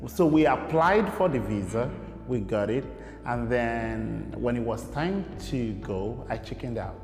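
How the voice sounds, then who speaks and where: A young Nigerian man, an interview guest, rambles casually with many fillers in an expressive, medium-pitched voice at a measured pace. Faint music plays behind him in an echoey room with long reverb.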